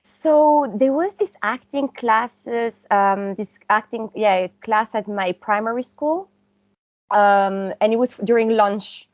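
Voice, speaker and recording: A woman's voice: fairly high pitch, takes it slowly, dry recording, muffled recording. A young woman from France who grew up in Brussels, a guest speaking from home in a casual interview, chatty with frequent fillers and laughter. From born in France, raised in Brussels. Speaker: guest, actress and director.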